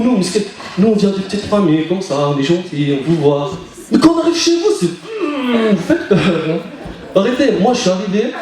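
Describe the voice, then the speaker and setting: A young man from France performing stand-up comedy, chatty and animated, now and then putting on character voices. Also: high-pitched. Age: young adult. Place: live comedy venue, audience. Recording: echoey hall, far mic, crowd laughing.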